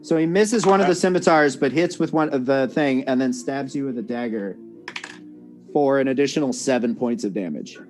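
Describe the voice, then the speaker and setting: A man running a tabletop game as game master, narrating the action with a relaxed, laughing manner and frequent self-corrections. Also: medium pitch, normal speed, soft background music. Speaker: dungeon master.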